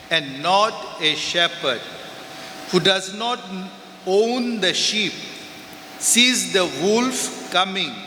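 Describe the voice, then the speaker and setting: A man with a Goan accent, a priest reading the Gospel and preaching at a pulpit microphone in a large church, speaking in short, measured phrases. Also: high-pitched, sharp tone, slight background noise. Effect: heard through a pulpit microphone in a church. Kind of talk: Mass reading and homily. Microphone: pulpit microphone over church speakers. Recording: echoey church with long reverb.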